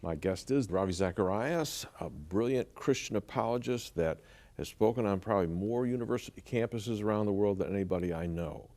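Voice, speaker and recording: A man's voice: on the low side, fairly quick, dark tone. A man hosting an interview who asks his guest brief, prompting questions. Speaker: interview host.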